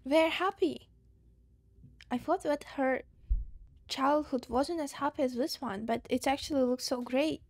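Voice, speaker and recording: A woman's voice: high voice, unhurried, long pauses. A young woman from Russia with a Russian accent, reacting to a film with gasps and exclamations. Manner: excitable, gasping and exclaiming. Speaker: reaction video host. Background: film soundtrack.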